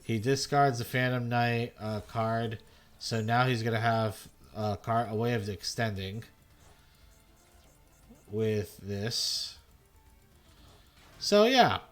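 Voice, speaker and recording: A man's voice: lowish voice, flat delivery, slow pace, soft background music. A man giving loose, self-mocking gameplay commentary as a video host, swearing freely. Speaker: gaming content creator.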